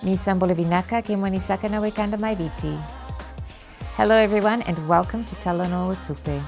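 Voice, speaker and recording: A woman presenting a scripted introduction as the host of a talk show, with a gravelly voice. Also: on the low side, a little mellow.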